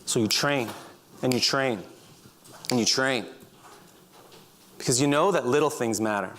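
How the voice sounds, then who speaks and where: A middle-aged man telling vivid second-person stories on a stage, breaking into loud shouts. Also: mid-range voice, unhurried, slight background noise. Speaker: speaker. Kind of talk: storytelling talk. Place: auditorium stage.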